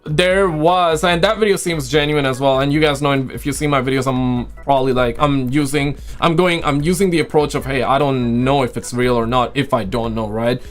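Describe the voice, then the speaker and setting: Over soft background music, a livestream host and video creator chats casually with viewers in a medium-pitched, steady voice at normal speed with few pauses. He rambles in slang and repeats his phrases, his voice starting to give out.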